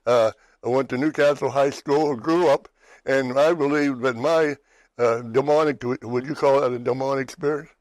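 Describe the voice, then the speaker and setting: A man's voice: medium pitch, fairly even intonation, moderate pace, no room sound, low-quality recording. Rambling male talk show host. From western Pennsylvania, USA. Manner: rambling, restarts, keeps asking "right?". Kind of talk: personal testimony chat.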